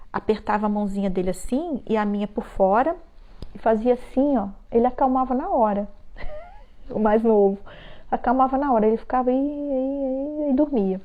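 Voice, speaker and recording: A woman with a Brazilian Portuguese accent giving heartfelt advice to parents, stressing key phrases and slowing right down on them. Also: medium pitch, dark tone. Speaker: parenting educator.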